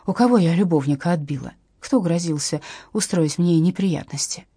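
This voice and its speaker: A woman voicing an irritable, sharp-tongued woman who snaps indignantly, in an audiobook. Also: fairly low pitch, moderate pace, breathy edge, no room sound, studio quality. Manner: snappy, indignant.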